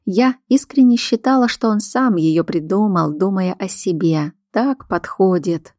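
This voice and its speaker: A woman's voice: medium pitch, a little slow, dark tone, dry recording, clean studio sound. A woman narrating a first-person audiobook in a weary, wry inner-monologue manner.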